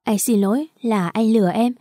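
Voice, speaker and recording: A gentle young man apologizes tenderly in a storybook romance, read by a woman narrator. The voice is warm and relaxed, and it is recorded dry and close. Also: a little high, normal speed, dry recording, close to an everyday voice. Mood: tender remorseful. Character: remorseful young man comforting his lover.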